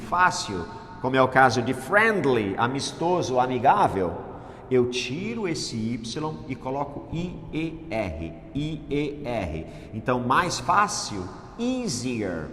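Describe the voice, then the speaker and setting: Male English teacher, lively exclamatory delivery, middle pitch, echoey hall sound. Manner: animated, exclamatory, emphatic. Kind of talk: classroom grammar lesson. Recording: echoey room with long reverb.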